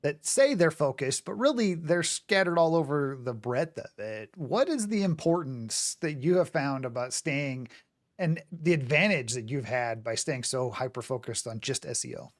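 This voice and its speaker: A business podcast host with a fairly high, expressive voice introduces his guest at a moderate pace. He asks long, rambling questions in an upbeat way, often restarting mid-thought.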